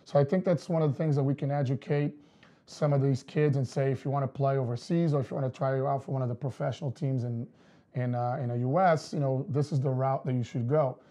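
Man, steady coach. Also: mid-range voice. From Portugal. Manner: measured, explanatory, many "you know" fillers. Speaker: girls' soccer coach, guest. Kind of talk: casual interview talk. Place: studio set with wood backdrop.

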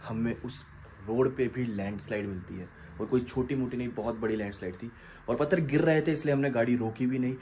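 A man vlogging a road trip, recapping for his viewers in a casual, steady way. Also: mid-range voice, a little hiss or hum, low-quality recording. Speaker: travel vlogger. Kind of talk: casual travel narration.

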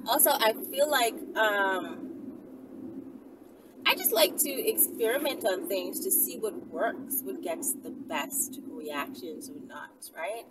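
Speaking slowly but very animated, in a mid-range voice, a vlogger in her thirties muses aloud to her viewers with rambling, unscripted chatter and rhetorical questions. She sits in a car beside a street during the day. The camera is held at arm's length, giving distant pickup amid car-interior noise.

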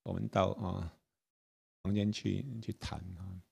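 A man's voice: deep voice, level tone, unhurried, vocal fry, darkish tone, breathy edge, in a large hall, heavily acted. A man voicing an indignant male retreat participant, protesting in a heated way.

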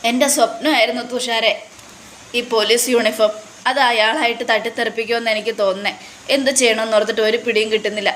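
A woman retelling a serial gives voice to an upset young woman police trainee, worried and troubled. The voice stays fairly high and plain, recorded in an echoey room with faint noise behind. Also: steady tone, fast, a bit bright, lightly acted. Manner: plain retelling voice, barely changed.

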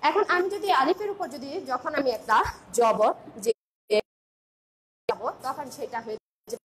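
High-voiced woman teacher reciting letters. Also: very animated, husky. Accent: Bangladeshi Bengali. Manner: slow, drilled recitation of letters with questions to pupils. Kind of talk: online class lesson.

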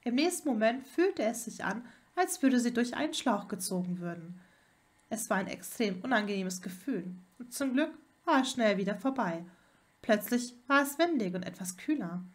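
Frau liest Fan-Fiction vor. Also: female voice, fairly high pitch, lively intonation, normal speed. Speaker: narrator. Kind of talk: fan fiction audiobook reading.

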